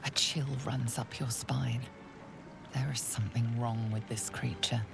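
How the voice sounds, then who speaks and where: A woman voicing an ominous female narrator of a dark fantasy game, speaking in a low, hushed, creaky near-whisper. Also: fairly even intonation, unhurried, loud music behind the voice, exaggerated voice. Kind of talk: scripted narration. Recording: game audio with noise.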